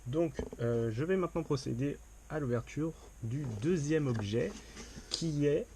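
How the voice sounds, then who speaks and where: A man's voice: fairly high pitch, measured pace, background noise. A man doing casual unboxing commentary to a camera, chatty and upbeat, with lots of fillers and restarts. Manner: upbeat enthusiasm. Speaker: unboxing vlogger.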